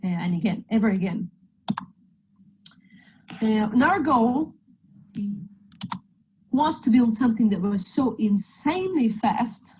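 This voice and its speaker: Over a video call microphone, a guest presenter from Sweden talks in a fairly high, slightly mellow voice with a Swedish accent. Her presentation is friendly and full of jokes as she slides through the talk, though the recording is rough with slight background noise.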